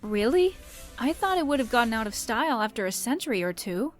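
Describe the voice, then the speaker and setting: A woman's voice: on the high side, sing-song, a little fast, loud music behind the voice. A woman voicing a dignified, earnest cosmic princess in a cartoon dub, speaking formally. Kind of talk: animated comic dub acting.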